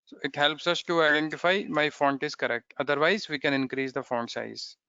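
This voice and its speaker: Man, programming tutorial, bright crisp voice, slightly dull dry recording, step-by-step explaining. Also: fairly high pitch, steady tone, a little fast, no echo. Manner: explains step by step, often checking with "okay?". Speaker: programming instructor. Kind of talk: screen-recorded coding tutorial.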